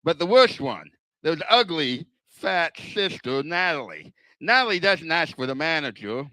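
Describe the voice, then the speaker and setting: An older male stand-up comic speaks in a fairly high, bright voice. His heavy lisp slurs words and whistles on wet S sounds, as if he had no front teeth. He sets up self-deprecating punchlines deliberately, and the sound is close and dry. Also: very animated, no room sound, rough recording. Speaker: stand-up comedian. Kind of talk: stand-up comedy routine.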